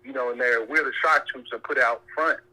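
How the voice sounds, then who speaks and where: Calling in to air his opinions, a man talks in a halting, conversational way and keeps circling back to rephrase, his voice carried over a telephone-like connection. It's mid-range and steady, with a pushed, bright quality.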